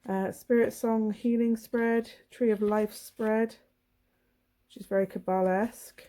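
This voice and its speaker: Flipping through tarot cards for her channel, a woman speaks in a casual, apologetic way, her laryngitis leaving her hoarse, husky and throaty. She sits a little high in pitch and talks a little slowly, with fairly even intonation and a mellow quality.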